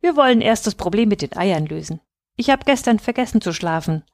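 A woman's voice: medium pitch, lively intonation, a little fast, no room sound, clean studio sound, natural voice. A woman doing flustered old grandfather. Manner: flustered, placating.

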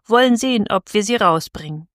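Eine Frau spricht einen derben Fuhrmann vom Land. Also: male voice, sits high, expressive, brisk, a bit bright, dry recording, studio quality. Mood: jovial. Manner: folksy, dialect-tinged. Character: rough country carter, old-fashioned dialect speech.

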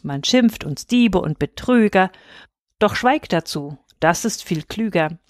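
A woman's voice: fairly low pitch, animated, slow, dry recording, studio quality. A woman voicing a poor, god-fearing old male shepherd who speaks in stern, admonishing rhyming verse. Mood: soothing.

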